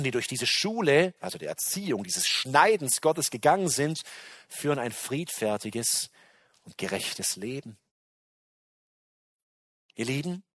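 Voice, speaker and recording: A man's voice: slightly rough, no echo. Earnest male preacher, dry close sound. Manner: earnest, addresses listeners warmly as "Ihr Lieben"; swings from soft, low passages to loud, rising emphasis. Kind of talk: sermon.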